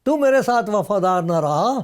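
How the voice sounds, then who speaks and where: A man's voice: sits high, lively intonation. A male pastor preaching a sermon, retelling scripture and acting out the dialogue in the scenes, at times rising to emphatic outbursts. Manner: storytelling, acting out dialogue between Jesus and Peter.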